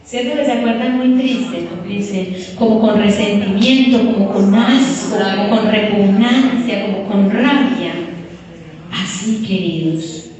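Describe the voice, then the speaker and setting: A woman's voice: medium pitch, a little slow, few pauses, a crowd in the background. A woman preaching a sermon to a congregation, telling stories and calling her listeners "queridos". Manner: addresses listeners as "queridos", animated storytelling. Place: church hall. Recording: echoey hall from far off.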